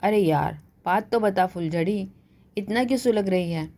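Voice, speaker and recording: A woman's voice: mid-range voice, normal speed, dark tone, lightly acted. A woman voicing a brash young female college student who mockingly teases her friend in a storybook reading. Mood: teasing.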